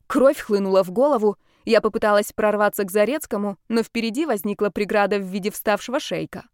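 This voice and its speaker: A woman reads a first-person novel aloud with expressive, dramatic delivery. Her voice sits at a middle pitch, and the recording is dry and close with no room around it. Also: brisk, smooth, no room sound. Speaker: audiobook narrator. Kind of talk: first-person audiobook narration.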